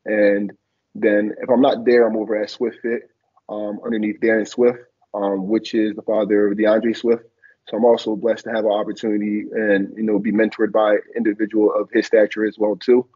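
His lowish voice moves little in pitch and keeps a moderate pace as he reflects, often pausing on fillers. He's a young man from Liberia, raised in Philadelphia, who used to play college football, appearing as a guest in a casual video call interview. The dull, lo-fi sound comes from a laptop camera in a small indoor room.

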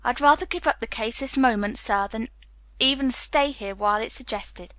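A woman's voice: high-pitched, animated, fairly quick, fairly bright tone, no room sound. A woman voicing a firm, no-nonsense nurse who speaks in a clipped manner.

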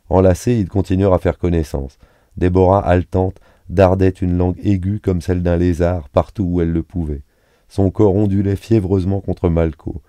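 A man reading a serialized novel aloud in an even, unhurried narration on a close studio mic. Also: sits low, no echo. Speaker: audiobook reader.

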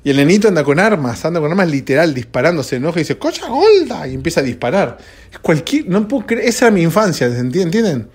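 A man's voice: on the high side, animated, fast talker, slightly rough. A sleepy man with a Rioplatense Spanish accent, rambling conversationally as a podcast host, recorded at home at dawn. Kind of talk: solo podcast chat.

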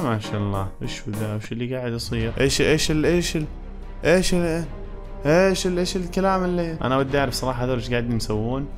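Fast-talking young Gulf Arabic man. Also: medium pitch, a bit bright. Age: 20s. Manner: playful, mixes in English exclamations. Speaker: video host. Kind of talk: casual chat, reacting to web searches. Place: small indoor home studio room. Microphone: close studio microphone on boom arm. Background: faint background music.

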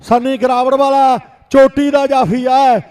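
A male commentator calls each raid in an excited, declamatory style. His pitch is strikingly high. The loudspeaker sound carries a long reverberant tail. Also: unhurried. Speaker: kabaddi commentator. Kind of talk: live raid-by-raid kabaddi commentary. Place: outdoor village sports ground over loudspeakers. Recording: reverberant loudspeaker at sports ground.

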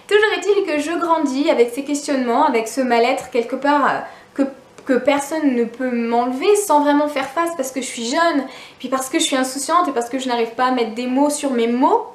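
A woman's voice: high-pitched, moderate pace, roomy sound. A woman YouTuber telling a personal story in a casual vlog, candid and chatty, with frequent restarts and asides to her viewers.

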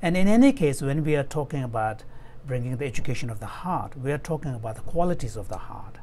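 Middle-aged man as interpreter; measured, explanatory delivery with restarts, earbud mic on a video call. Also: mid-range voice, big pitch swings, dark tone, a little hiss or hum. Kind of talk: interpreting a Buddhist teaching in a dialogue. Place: room at home. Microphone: earphone headset mic on a video call.

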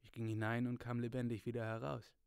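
A man's voice: gravelly, clean tone, no room sound, clean studio sound, lightly acted. A man reading as a grave old wizard. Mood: calm. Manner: measured, calm and lowered. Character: old, wise male wizard, calm and grave.

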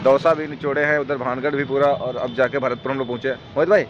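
Filming on a phone held at arm's length, a hoarse young man in his twenties strolls through an outdoor bus station, narrating chattily like a tour guide for his casual travel vlog. His medium-pitched voice is steady and quick, amid background noise, music and passing buses in dull lo-fi audio.

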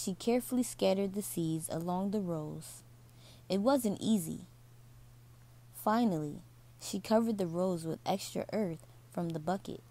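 A woman reads a children's bedtime story at an unhurried pace. Her voice is mellow and low in brightness, with a gravelly edge. The delivery stays soft and soothing.

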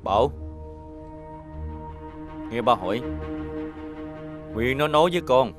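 A calm, measured father in a TV drama. He speaks, in a mid-pitched voice and with an even, questioning manner. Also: music in the background. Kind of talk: TV drama acting.

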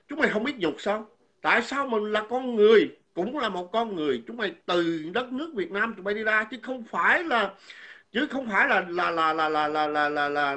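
A man's voice: high-pitched, sharp tone. A man delivering an angry, insulting monologue as a vlogger, repeating himself and stumbling over words. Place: living abroad.

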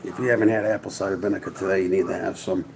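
Gravelly, low-voiced profane man. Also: steady tone, rapid-fire. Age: 40s. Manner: profane, tough-talking, rambling. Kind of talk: rambling monologue to camera. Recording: crowd noise in background.

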